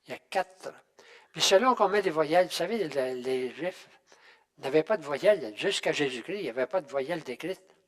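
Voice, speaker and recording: An older man teaching a Bible class in a halting, conversational way, often restarting and checking in with his listeners. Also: fairly high pitch, lively intonation. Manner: halting, with many restarts and tag questions. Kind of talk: unscripted Bible class talk.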